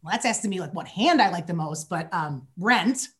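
A woman's voice: lowish voice, animated, normal speed. A woman in her forties with a Michigan accent, chatting casually and candidly as an interview guest, with wry, self-deprecating humor. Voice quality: loud. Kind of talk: casual chat.

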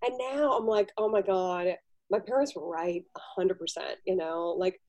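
A woman's voice: fairly low pitch, normal speed, a little mellow. A woman chatting animatedly as a podcast guest, laughing often and slipping into playful voices. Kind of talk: casual podcast chat.

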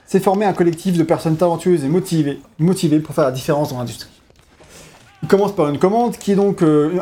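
A man's voice: on the high side, mellow. A man with a French accent, thick on English names, casually presenting video game history in a chatty, slangy way. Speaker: video game show host. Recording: clear background noise.

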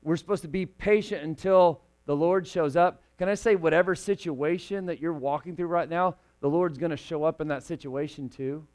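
A man with a fairly high voice preaches to a congregation in a church. He keeps it conversational with joking asides, then slows down and rises in volume when he reads scripture. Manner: casual, joking asides, swells louder and slower when reading scripture. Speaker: pastor. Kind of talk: sermon. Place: church sanctuary.

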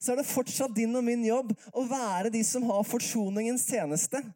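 A man delivers a sermon in an easy, conversational manner rather than a shouting one. His voice is warm and mellow. He keeps turning to his listeners with rhetorical questions. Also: extremely high pitch, fairly even intonation. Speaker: preacher.

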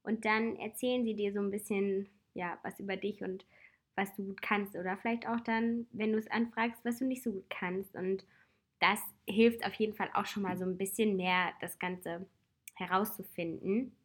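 A woman in her twenties who has a slight cold gives casual personal advice in a relaxed, personal way, reflective and chatty with occasional soft laughs. Her voice is at an ordinary pitch for a woman and she speaks at normal speed.

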